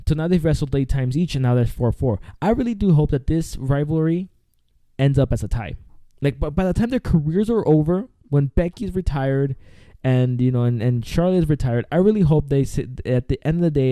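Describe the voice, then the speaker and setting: A young man co-hosting a wrestling podcast talks in a chatty, eager way, often restarting his sentences. His voice is very dark and mellow. It is recorded dry and close on a desk microphone. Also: medium pitch, lively intonation, normal speed, no room sound. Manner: chatty, enthusiastic, repeats words while thinking. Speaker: podcast co-host. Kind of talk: casual wrestling podcast chat.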